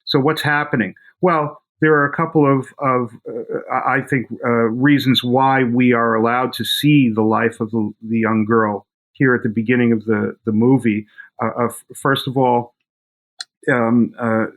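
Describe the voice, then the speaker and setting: A man's voice: medium pitch, steady tone, moderate pace, a bit bright, low-quality recording. Hesitant man with many fillers. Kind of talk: casual film discussion.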